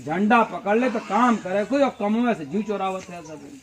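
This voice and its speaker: A man addresses villagers outdoors, his voice sitting high. He argues with rhetorical questions and homely comparisons. A faint hum of outdoor noise runs underneath. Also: expressive, moderate pace. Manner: rhetorical questions, folksy analogies, rural dialect words. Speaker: party organizer addressing villagers. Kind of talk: village meeting speech.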